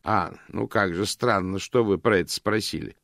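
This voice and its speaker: A man's voice: sits low, normal speed, creaky, fairly bright tone, no echo, clean studio sound. A man voicing a stern, gloomy older housekeeper who grumbles mournfully, in an audiobook reading. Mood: grumbling.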